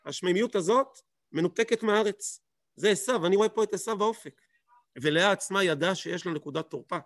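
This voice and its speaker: High-voiced man teaching a Torah lesson. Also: no echo, studio quality. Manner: emphatic, asks rhetorical questions and repeats words for stress.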